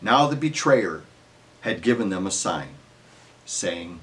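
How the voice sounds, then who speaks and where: A man narrating a dramatic scripture reading in an expressive, measured storytelling manner. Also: low-pitched, distant mic.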